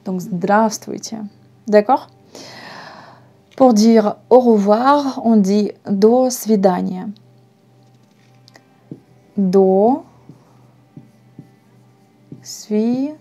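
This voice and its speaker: A woman with a Russian accent gives an unhurried lesson, taking her time over each word and spelling it out letter by letter. Her voice is dark and mellow. Faint music plays softly behind her. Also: mid-range voice. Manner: patient, spells words out letter by letter. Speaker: Russian language teacher. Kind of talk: slow online language lesson.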